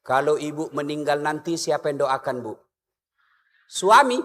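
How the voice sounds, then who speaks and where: A middle-aged man giving a humorous sermon, animated and asking the audience questions. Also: on the high side, normal speed, a little hiss or hum. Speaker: preacher. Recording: echoey hall with long reverb.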